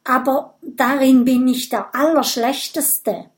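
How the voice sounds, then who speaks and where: A woman playing a loud, indignant Viking boy. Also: high voice, fairly even intonation, slow, voice pushed up.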